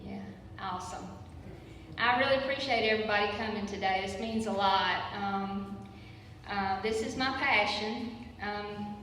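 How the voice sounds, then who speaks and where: A woman's voice: mid-range voice, unhurried, fairly bright tone. An older woman with a Southern US accent giving an informal, folksy public lecture in a conversational way. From Patrick County, Virginia, United States. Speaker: guest lecturer and local history teacher. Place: large echoey room at a public lecture. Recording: very echoey hall, distant mic, faint noise.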